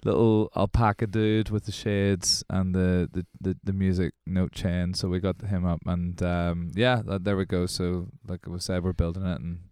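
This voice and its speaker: A man's voice: low voice, normal speed, hardly any pauses, clean tone, no echo, clean studio sound. A man co-hosting a podcast in casual chat, rambling with many fillers. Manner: rambling, relaxed, full of fillers. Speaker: podcast co-host. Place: small podcast studio.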